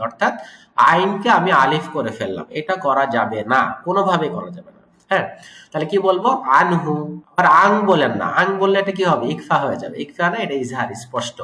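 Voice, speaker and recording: A man from Bangladesh teaching Quran recitation, correcting mistakes and slowly drawing out each syllable as he demonstrates. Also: on the high side, expressive, bright, forceful tone. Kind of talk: tajweed lesson with recitation demos. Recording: echoey room.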